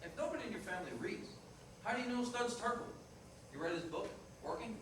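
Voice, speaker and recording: In a staged reader's theater dialogue, a man plays a frank, remorseful working-class ex-fiancé, speaking plainly, quickly, and animatedly in a rather high, matter-of-fact voice. He's recorded from far off in an indoor performance room, so the sound is distant, noisy, and heavily echoed.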